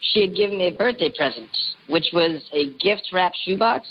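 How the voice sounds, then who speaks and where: A man calling in to a radio show, his voice disguised by a voice changer, telling his confession in a calm, matter-of-fact way. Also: high voice, moderate pace, highs cut off, background noise. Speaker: radio call-in guest. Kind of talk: casual confessional storytelling.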